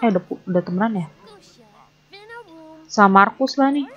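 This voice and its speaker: A young woman gives casual running commentary on her game, chatty and often flustered as she talks to the characters. Her voice sits in a middle pitch. The home mic sounds a little dull and lo-fi. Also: moderate pace. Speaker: gaming YouTuber.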